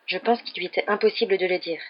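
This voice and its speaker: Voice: mid-range voice, steady tone, quick pace, natural voice. An eager young wizard boy, voiced lightly by a reader, talks in urgent bursts. The tone stays close to the storyteller's own voice. The audio is slightly muffled and lo-fi.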